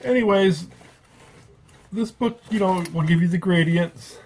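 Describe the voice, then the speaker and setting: A man whose voice sits high, with a darkish tone and a breathy edge, speaks at a measured pace. He is a book reviewer giving an offhand, rambling spoken review at a table, frequently correcting himself as he talks.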